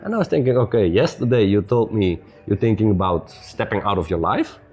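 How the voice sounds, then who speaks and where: A man telling stories as a podcast guest in loose, non-native English with many "you know"s, relaxed and upbeat. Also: on the low side, brisk, breathy edge, faint music behind. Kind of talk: casual storytelling conversation.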